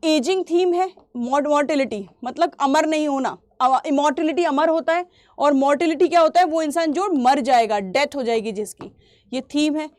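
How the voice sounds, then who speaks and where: A female teacher leads an exam revision lesson, slowly reading English lines aloud and then explaining them. She repeats the key points and clears her throat from time to time. Her voice is high with a darkish tone, and the recording is dry.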